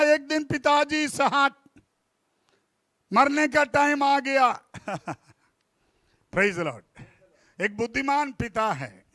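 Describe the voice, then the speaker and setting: A pastor from India delivers a fervent sermon in a very high, unhurried voice. He has the congregation repeat lines back to him and keeps dropping "Praise the Lord" between points. The sound is close and dry. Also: bright, forceful tone, no echo. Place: church before a congregation.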